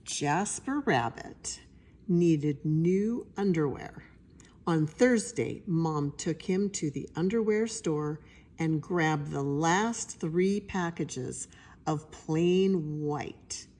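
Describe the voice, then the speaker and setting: A woman's voice: low voice, a little mellow. An older woman with an elderly voice reads a children's picture book aloud, with chatty asides to listeners. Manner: drawn-out, suspenseful phrasing when reading. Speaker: storybook reader. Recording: noticeable background noise.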